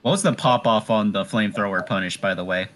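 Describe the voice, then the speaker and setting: A young man commentating a game stream in a casual, excitable way, swearing and slipping into rapid auctioneer-style patter. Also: on the low side, background noise.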